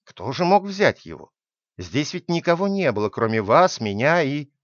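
A frightened old woman who keeps a village house, her pleading voice leaping about as a man reading a storybook puts her on. Her anxious questions come out in a lively, swinging pitch. The recording is dry and a little dull. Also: normal speed, no echo. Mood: alarmed.

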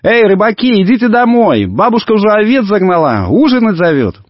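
A man voicing a shrill, teasing little village girl in a radio story reading. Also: very animated, brisk, dry recording. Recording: dull radio recording, faint music.

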